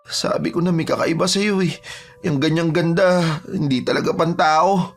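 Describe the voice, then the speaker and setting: Male actor for a young village guy: high, stammering, jittery, joker at heart. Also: moderate pace. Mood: teasing. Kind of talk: audio drama acting.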